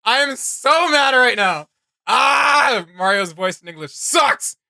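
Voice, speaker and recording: A very high, expressive male voice, pushed and bright with vocal fry and no echo, carries this casual reaction commentary. The host is opinionated and informal, stressing his points while halting and circling back repeatedly.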